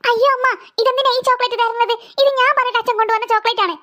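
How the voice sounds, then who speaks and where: Woman voicing a smug, teasing cartoon girl, very high and bright voice. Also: fairly even intonation, racing. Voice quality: very high childlike voice. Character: cheeky smug young girl, teasing sister. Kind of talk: cartoon voice acting.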